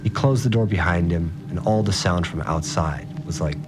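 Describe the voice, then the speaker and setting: A man's voice: low-pitched, normal speed, close to an everyday voice. An actor playing an anxious, foul-mouthed male survivor who rambles through a slangy confessional audio diary in a podcast drama. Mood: intrigued, uneasy. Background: music.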